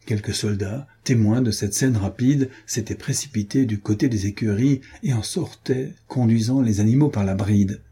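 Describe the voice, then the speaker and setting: A man reading a historical adventure novel aloud in a steady, measured narration. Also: on the low side, husky. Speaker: audiobook reader. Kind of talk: scripted narration.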